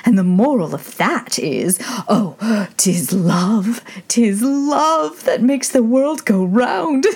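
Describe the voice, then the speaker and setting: Woman doing a slow, drawling old duchess, preachy and pompous, husky edge, sing-song. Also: a little high, animated, a little mellow, voice pushed up, exaggerated voice. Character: fussy old woman, a duchess fond of morals.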